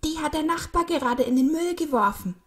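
A woman voicing an excited young boy in a storybook reading. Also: normal speed, close to an everyday voice. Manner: eager, calling out high.

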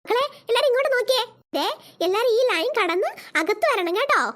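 A woman plays a kind cartoon preschool teacher. She coaxes the children patiently in a quick, very high voice. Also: lively intonation, fairly bright tone. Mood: instructing. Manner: coaxing, patient.

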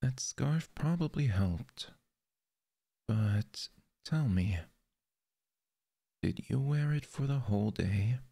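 A man voices a possessive, jealous lover in an audio roleplay, very slow and intimate right at the microphone, often slipping into a whisper. His low voice is gravelly, very breathy and warm, with lively intonation, heavily acted and tender, with no room sound.

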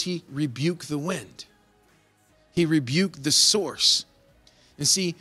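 A man's voice: fairly high pitch, fairly bright tone. Man preaching a conversational sermon. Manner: conversational preaching, acts out voices in Bible stories. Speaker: pastor.

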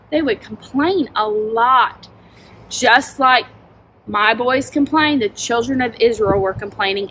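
High-voiced woman in her forties, children's Bible lesson, animated and expressive, outdoors with faint background noise. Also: rough recording. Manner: animated, expressive, talking straight to kids. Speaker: children's church teacher. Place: outdoors in a backyard by a tent. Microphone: camera a few feet away.

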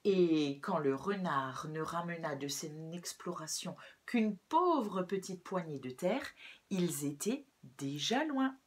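Woman, children's story reader, breathy, lively pitch, slow pace. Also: slight background noise. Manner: expressive, gentle storytelling. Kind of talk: storybook read-aloud for children.

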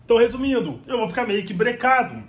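A man's voice: extremely high pitch, quick pace, echoey room. A man, talking casually and animatedly to a phone camera at arm's length in a small room at home. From Brazil. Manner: animated, gesturing, slangy, repeats "mano". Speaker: delivery rider vlogger. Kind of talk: casual vlog talk to camera. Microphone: phone held at arm's length.

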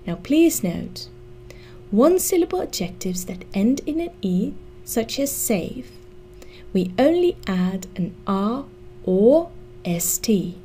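Slow, mellow-voiced woman teaching grammar. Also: fairly high pitch, sing-song, a little hiss or hum. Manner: slow, careful, spelling out letters. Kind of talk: scripted grammar lesson.

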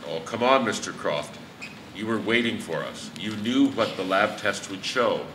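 A man playing a steady, measured chief inspector on a live stage, picked up in an echoey hall from a distance. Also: on the low side, a little hiss or hum. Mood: pressing. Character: calm, firm male chief inspector. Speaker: stage actor. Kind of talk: amateur stage play.

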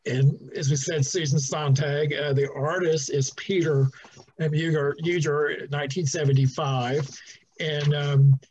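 A middle-aged man from New Jersey, a museum docent giving a relaxed, chatty guided talk over a video call, with fillers and restarts. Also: fairly high pitch, unhurried, slight background noise. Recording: dull lo-fi video call audio.

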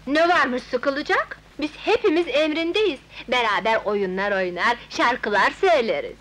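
An actress playing a doting, overprotective nanny who fusses and coaxes in a sing-song way, in a 1970s dubbed film. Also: female voice, sits high, expressive, measured pace, fairly bright tone, poor audio. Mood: fussing. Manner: fussing, coaxing, sing-song.

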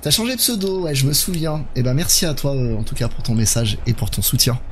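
A man's voice: medium pitch, big pitch swings, fast talker, a little hiss or hum. A man with a French accent chatting casually with viewers on a live game stream.

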